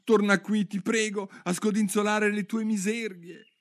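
A man's voice: a little high, very animated, moderate pace, a bit bright, pitched above the performer's own voice. A man voicing a polite, precise little girl in a storybook reading. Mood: eager. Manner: earnest, precise.

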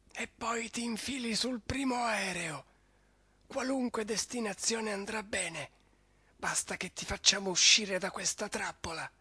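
A man reading a story and voicing a scheming male rat in a breathy half-whisper. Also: high-pitched, bright, forceful tone, no room sound, voice pushed up, full character voice.

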